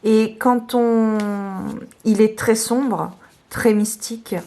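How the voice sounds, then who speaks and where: A woman presenting her tarot decks in a casual video, talking hesitantly with many fillers and restarts, a little hoarse. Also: fairly high pitch, steady tone, slow pace, dark tone. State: slightly hoarse, clearing her throat.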